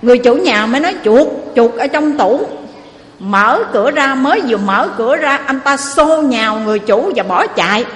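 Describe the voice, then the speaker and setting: Woman preacher, lively storyteller, fairly high voice, echoey hall. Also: brisk, hardly any pauses. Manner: lively storyteller, addresses the audience often. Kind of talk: moral storytelling sermon. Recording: echoey hall, faint noise.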